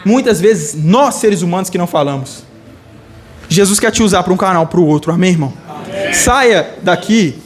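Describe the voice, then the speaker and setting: A man's voice: high-pitched, animated, moderate pace, crowd noise. A Brazilian man preaching an evangelical sermon, fervent and rousing, calling for responses from the congregation.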